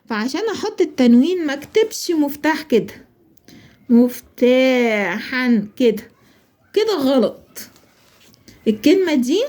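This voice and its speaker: A woman with an Egyptian Arabic accent teaching a children's Arabic lesson. She asks herself questions and answers them, slowing down to spell words out. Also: high voice, warm tone. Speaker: primary school Arabic teacher. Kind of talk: explaining a school lesson.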